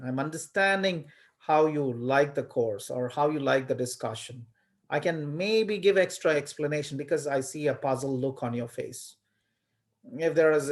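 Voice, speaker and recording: A man from India, a college lecturer giving an online class on a video call, talking with emphasis and many fillers and repeated words. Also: mid-range voice. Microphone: webcam on video call.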